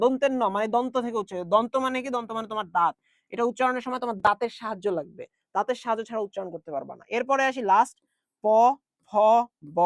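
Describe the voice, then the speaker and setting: A man's voice: extremely high pitch, a bit bright, dry recording, studio quality. A young man teaching an online class in a chatty way, with jokey asides and English words mixed in.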